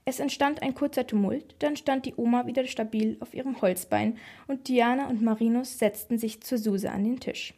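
A woman narrates a children's detective story with lively, expressive delivery. Her voice sits on the higher side and carries a soft, breathy edge. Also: moderate pace, hardly any pauses. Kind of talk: audiobook reading for children.

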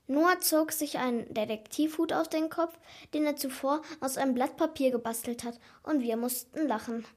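A woman narrating a children's story in an animated, dramatic first-person telling. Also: sits high, normal speed.

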